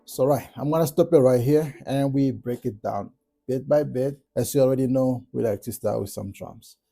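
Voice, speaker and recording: A man from South Africa with a South African accent, calmly walking through how he builds a track, step by step, in a casual tutorial. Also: medium pitch, moderate pace, creaky. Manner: relaxed step-by-step explaining. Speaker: music producer tutorial host. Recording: music playing in the background.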